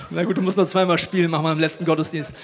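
A man gives a sermon at a church service. His voice sits high, and he tells stories with energy, acting out the voices of the people in them. The sound rings with a long reverb from the hall. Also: quick pace, gravelly, a little hiss or hum. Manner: lively storytelling preacher, acts out voices. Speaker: pastor.

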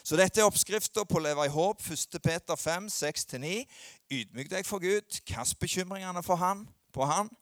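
A middle-aged man preaching a sermon, swinging between loud emphatic peaks and low quiet asides. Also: no echo, clean studio sound. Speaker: pastor.

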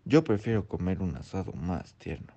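A man's voice: low-pitched, sing-song, normal speed, creaky, warm tone, heavily acted. Man doing a snappish hungry fox, lo-fi. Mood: impatient. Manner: impatient, snappish. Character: hungry impatient male fox. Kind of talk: storybook reading. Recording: dull lo-fi recording.

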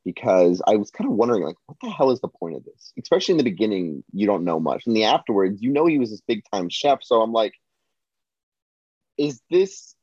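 A man's voice: on the low side, big pitch swings, a little fast, a little mellow, slightly rough, dry recording, muffled recording. A man co-hosting a casual film discussion podcast, rambling with many fillers and restarts. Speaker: podcast co-host.

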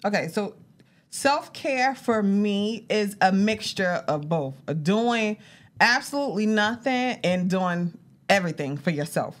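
A woman's voice: medium pitch, lively intonation, unhurried, slight background noise. A middle-aged woman co-hosting a podcast, chatting casually and animatedly, laughing often. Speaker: podcast co-host. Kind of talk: casual chat.

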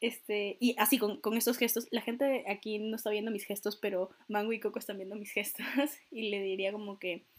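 A woman in casual chat, talking softly and hesitantly with lots of fillers. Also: mid-range voice, steady tone, fairly quick, hardly any pauses. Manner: soft-spoken, hesitant, rambling with many fillers.

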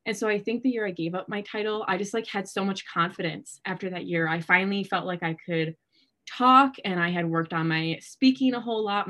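A woman in her early twenties with an American accent tells personal stories as an interview guest, chatty and casual and saying "like" constantly. Her voice is fairly low and a bit bright.

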